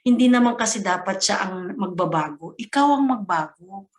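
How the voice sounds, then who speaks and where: A woman voicing a wise female friend who gives advice in a calm, firm, matter-of-fact way. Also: medium pitch, moderate pace, lightly acted. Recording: echoey room.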